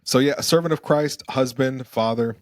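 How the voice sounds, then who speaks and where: A man's voice: mid-range voice, moderate pace, a little mellow, dry recording, clean studio sound. A young man from Germany and Arizona, a podcast guest talking casually and reflectively, with many fillers and restarts. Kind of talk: casual interview conversation.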